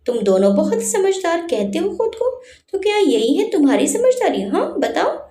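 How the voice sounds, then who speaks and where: A woman voicing a young mother who speaks gently to her son and scolds two quarrelling men in a storybook reading. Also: sits high, lively intonation, moderate pace, echoey room. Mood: scolding. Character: young mother, tender to her son, fierce when crossed.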